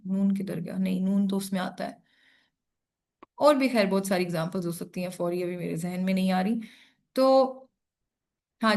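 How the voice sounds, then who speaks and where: A woman teaching an online grammar lesson, explaining patiently and listing letters one by one, with English words mixed in. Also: mid-range voice.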